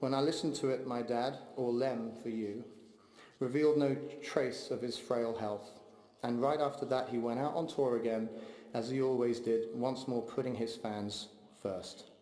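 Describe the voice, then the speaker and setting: A man delivering a heartfelt memorial eulogy for his father, speaking in a measured, steady way. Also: medium pitch. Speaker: eulogy speaker, son of the deceased. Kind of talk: memorial eulogy read aloud. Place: large memorial hall. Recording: echoey hall, long reverb.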